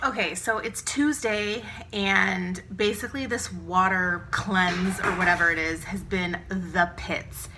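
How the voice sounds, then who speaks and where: A woman's voice: fairly low pitch, steady tone, measured pace, few pauses, background noise. A woman vlogger talking in a casual video diary style, chatty, candid and a little self-deprecating.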